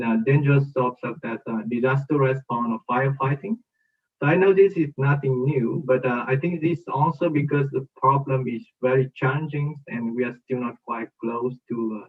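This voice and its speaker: A man speaks in a halting, hesitant way, giving an academic talk over a video call. His voice is muffled as if it comes through a wall, distant from a narrow, phone-like laptop mic. He speaks at an average pitch. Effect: muffled, as if heard through a wall. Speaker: invited conference speaker.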